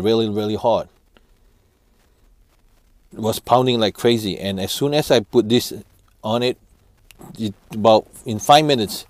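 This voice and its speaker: A man in his thirties giving family road-trip tips in a casual, halting way, with many fillers and restarts, recorded on a lapel mic. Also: medium pitch, darkish tone, no echo. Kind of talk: casual how-to talk. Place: office room, then parked car.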